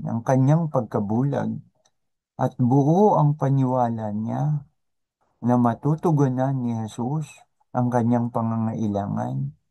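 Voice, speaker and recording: A man's voice: mid-range voice, gravelly, dark tone. A middle-aged man preaching a gospel reflection, earnest and repetitive, echoing his key phrases and slipping English phrases into his Tagalog.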